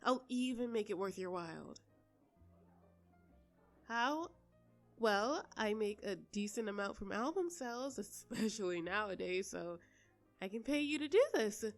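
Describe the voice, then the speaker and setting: In an intimate audio roleplay, a woman voices a polite, flustered pop star who wants her privacy, speaking haltingly and conversationally. Her mid-range voice is animated, earnest and persuasive, with faint music in the background.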